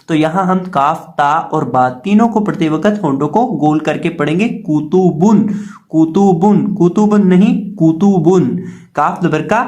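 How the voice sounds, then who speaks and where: A man's voice: fairly high pitch, hardly any pauses, a little mellow, muffled recording. Patient male Quran teacher. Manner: patient, repeats syllables and drills pronunciation. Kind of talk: slow spelling-out lesson.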